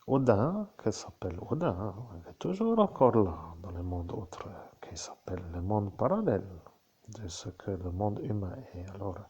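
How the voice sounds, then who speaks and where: Male medium, low gravelly voice with swooping lively pitch, dull lo-fi recording; slow, halting delivery. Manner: slow, halting, repetitive phrasing. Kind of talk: channeled spiritual talk.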